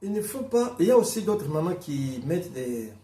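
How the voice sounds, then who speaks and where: A man from Portuguese-speaking Africa, a first-language Portuguese speaker, preaches an emphatic sermon, repeating and restarting phrases and swinging between slow, stressed words and quick bursts. His voice is a little high and dark in tone, with big pitch swings, and it sounds reverberant.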